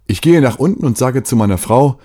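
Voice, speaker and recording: A man reading a scripted first-person account of his own story in a plain, steady way. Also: medium pitch, brisk.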